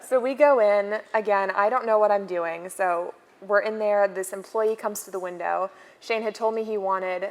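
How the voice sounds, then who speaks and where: A woman's voice: mid-range voice, normal speed. A woman in her twenties telling a story on a conference stage in a chatty, playful way. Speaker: keynote co-speaker. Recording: long reverb from the hall.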